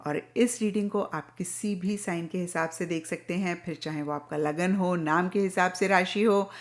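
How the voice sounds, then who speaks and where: A woman giving a tarot reading, talking chattily and mixing Hindi with English phrases, often repeating points for emphasis. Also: fairly low pitch. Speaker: tarot reader. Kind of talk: tarot reading talk to camera.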